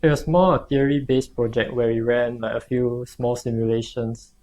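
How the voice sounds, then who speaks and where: A man's voice: mid-range voice, steady tone, moderate pace, mellow. A young man from Singapore, a master's student guest, explaining his project tentatively with fillers. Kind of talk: casual interview chat.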